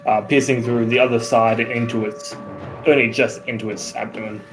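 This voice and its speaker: A man's voice: mid-range voice, fairly even intonation, a little fast, music in the background, rough recording. A man running a tabletop game as game master, narrating the action and ruling on moves.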